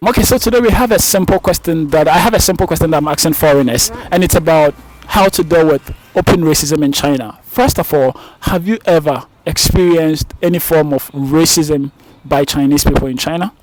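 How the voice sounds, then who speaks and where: Brief: enthusiastic male street-interview host, slightly high voice. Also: fairly quick, darkish tone. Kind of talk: upbeat vlog intro and street interview questions.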